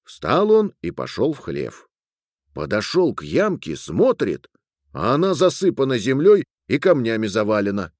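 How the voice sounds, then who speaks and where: A man narrating a folk tale in an expressive way, reading all the characters' parts himself. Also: mid-range voice, moderate pace, no room sound, studio quality. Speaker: storyteller.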